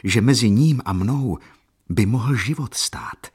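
A man's voice: fairly low pitch, animated, husky, exaggerated voice. A man voicing a passionate young woman who speaks with impassioned defiance. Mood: defiant.

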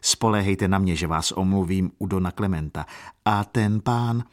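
A man's voice: low voice, natural voice. A man voicing a kindly, shrewd old woman servant who talks in a coaxing, sly way. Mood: scheming.

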